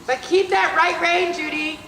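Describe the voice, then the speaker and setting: A woman with a high, bright voice coaches a dressage rider, calling out brisk, projected commands. Her phrases are short and often repeated. The sound is roomy and echoing, as in a big indoor arena, with some background noise. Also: steady tone. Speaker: riding instructor. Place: large indoor riding arena.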